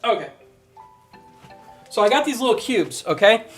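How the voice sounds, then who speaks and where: A man in his thirties doing casual livestream commentary from home on a boom mic, rambling and animated, full of fillers. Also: moderate pace, soft background music. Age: 30s. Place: home room. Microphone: studio mic on boom arm.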